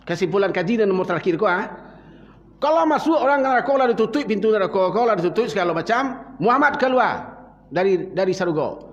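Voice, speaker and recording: An older man with a Minangkabau accent giving a dawn sermon in a mosque. He tells the story in a folksy, animated way and speaks straight to his listeners. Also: high-pitched, quick pace. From West Sumatra, Indonesia. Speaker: preacher. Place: mosque prayer hall. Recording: dull, reverberant mosque sound.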